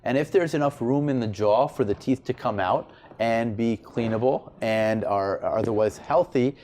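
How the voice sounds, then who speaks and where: A man's voice: medium pitch, normal speed. Man explaining as a surgeon, noisy background. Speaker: oral surgeon being interviewed. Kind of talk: explanatory interview answers. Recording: steady background ambient noise.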